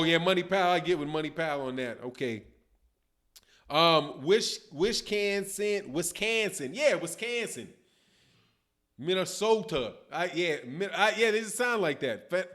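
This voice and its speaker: Unhurried, with a voice that sits high and sounds a bit bright, a middle-aged man from Chicago hosts a boxing livestream. He keeps the chat casual and slangy and reads out viewer comments, seated at his desk on webcam in a dim room at home.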